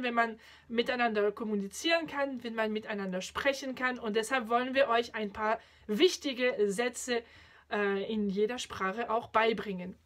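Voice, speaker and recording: A woman from France, hosting a casual language chat, lively and quick to laugh. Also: on the high side. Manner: lively, laughs often, switches between French and German. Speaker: host.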